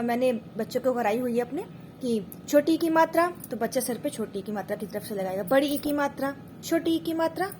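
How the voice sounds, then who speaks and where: A woman with a high, light voice gives a patient instructional lesson. She explains each step, slows down to sound out syllables one by one, and keeps checking in with her listeners. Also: slight background noise. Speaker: teacher and mother. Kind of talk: instructional lesson for parents and teachers.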